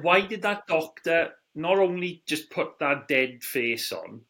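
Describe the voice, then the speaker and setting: A man in his forties co-hosts a casual film review podcast, speaking bluntly in an incredulous, complaining way. His voice is medium-pitched and a bit bright.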